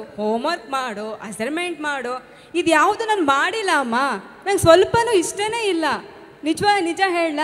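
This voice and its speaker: A woman playing a wayward young daughter in a church stage skit, whining and pleading with her mother. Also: high-pitched. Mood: defiant. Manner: whiny pleading, repeatedly calling out to her mother. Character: wayward young daughter who turns repentant. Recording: echoey hall, stage mic.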